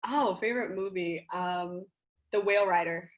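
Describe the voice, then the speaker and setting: A young woman from the United States, a guest on a casual podcast, talking in an animated, gushing way and laughing often. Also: fairly low pitch, moderate pace, highs cut off.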